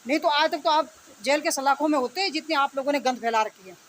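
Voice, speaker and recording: Woman, very high voice, confrontational opinion rant, scolding, repetitive challenging questions, noisy background. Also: a little fast. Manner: repeats phrases and rhetorical questions, tag questions. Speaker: online video commentator. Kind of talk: unscripted opinion rant addressed to opponents. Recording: steady background noise.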